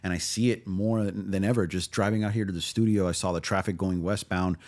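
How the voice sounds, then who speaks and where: Fast-talking laid-back guest. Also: male voice, sits low, fairly even intonation, a little mellow. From Cuba. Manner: laid-back, says bro and man a lot. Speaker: podcast guest. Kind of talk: casual chat.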